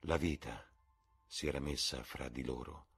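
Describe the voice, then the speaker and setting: A man reading a novel aloud in a measured, calm audiobook narration. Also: very deep voice, breathy edge. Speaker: reader.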